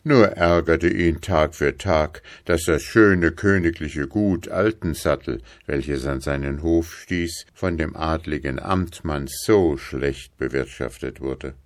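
A man reading a folk tale aloud in a measured, expressive way. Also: a bass voice, dry recording, clean studio sound. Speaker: storyteller.

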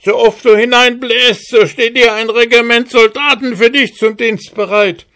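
A man voicing a small, sly male dwarf who wails and pleads in a shrill, high voice. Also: steady tone, normal speed, sharp tone, heavily acted. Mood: pleading, wailing.

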